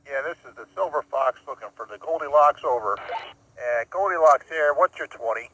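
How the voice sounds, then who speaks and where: A man talking over a walkie-talkie in playful, hammy trucker-style radio lingo at an outdoor campground, fumbling with pauses. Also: medium pitch, fairly bright tone, rough recording. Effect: talking over a walkie-talkie in joking CB-radio lingo. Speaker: camping friend. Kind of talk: casual joking chat.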